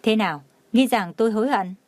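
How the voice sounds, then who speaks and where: A woman's voice: fairly high pitch, fairly quick, darkish tone, no room sound, lightly acted. A woman reading the lines of a cold, scornful young rich husband in a cutting, contemptuous tone. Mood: mocking. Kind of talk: audiobook narration.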